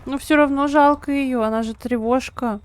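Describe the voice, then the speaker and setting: A woman's voice: high-pitched, steady tone, normal speed. A woman live-streaming a game, chatting casually and informally as she plays and reacts. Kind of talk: casual live-stream chat while gaming.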